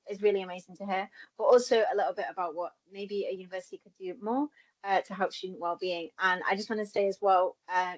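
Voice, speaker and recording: A young woman speaks as an interviewer in a conversational style. Her voice sits at an average pitch for a woman. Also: low-quality recording.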